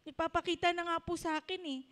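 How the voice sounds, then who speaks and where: High-voiced woman pastor telling a story. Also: fairly even intonation, fast talker, a bit bright. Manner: conversational, addresses the congregation directly; mixes in English phrases. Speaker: pastor and doctor. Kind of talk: storytelling sermon.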